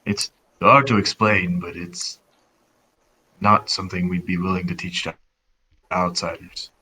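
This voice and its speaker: A man voicing a calm, guarded young martial artist in a tabletop role-play. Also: low voice, measured pace, slight background noise, exaggerated voice, rough recording.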